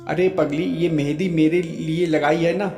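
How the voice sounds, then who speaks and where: A playful young soldier who keeps teasing his wife with a grin in his voice, read by a male narrator. The tone is fairly high and unhurried. A roomy echo carries it, and soft music plays beneath. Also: fairly even intonation. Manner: joking, teasing, laughing.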